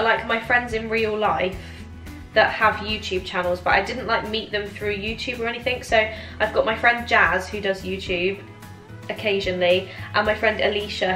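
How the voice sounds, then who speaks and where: A British woman in her twenties talks casually to her viewers with a giggly, tipsy looseness. Her mid-pitched voice sounds roomy and echoey. Music plays faintly behind her. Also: a bit bright. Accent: British English. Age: 20s. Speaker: vlogger answering viewer questions. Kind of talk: casual chatty Q&A to camera.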